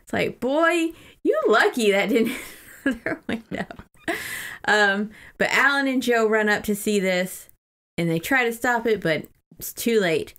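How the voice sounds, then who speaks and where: Her voice sits on the high side, expressive, unhurried and a little bright. As a podcast co-host, she talks books in a loose, irreverent way, cursing without restraint.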